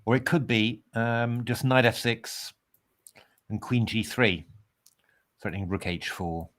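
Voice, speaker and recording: A man's voice: mid-range voice, measured pace, a bit bright. A man commentating live on a chess game in a casual way, hesitating with lots of fillers and restarts.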